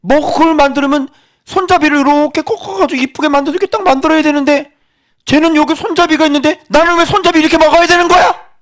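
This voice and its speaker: A man's voice: very high-pitched, fairly even intonation, fast talker, fairly bright tone. A middle-aged man preaching a sermon as pastor, chatty and teasing, often quizzing his congregation.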